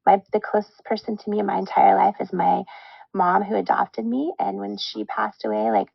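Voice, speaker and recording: Effusive woman host in casual chat; heavy fry, close dry recording. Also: mid-range voice, animated, normal speed, dry recording, lo-fi sound. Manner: gushing, openly emotional.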